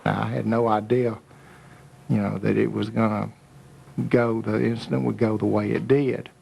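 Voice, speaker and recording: A man's voice: lowish voice, little pitch movement, moderate pace, creaky, a little mellow, a little hiss or hum. A man recalling events casually in an interview.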